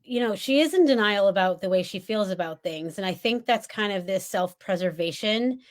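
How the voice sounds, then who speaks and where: A woman hosting a casual book chat, enthusiastic and quick to laugh. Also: medium pitch, lively intonation. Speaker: book podcast host.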